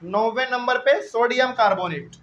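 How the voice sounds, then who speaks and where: A young man teaching chemistry to a class, repeating key terms slowly and often checking in with his students. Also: very high voice, a bit bright, muffled recording. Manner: repetitive, drawn-out, checks in with students. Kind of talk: classroom lecture. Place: classroom with live and online students.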